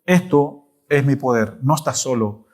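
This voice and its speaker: A man's voice: mid-range voice, animated, measured pace, darkish tone, pitched below the performer's own voice. A man voicing God as a firm, insistent commander in a retold Bible story. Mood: commanding.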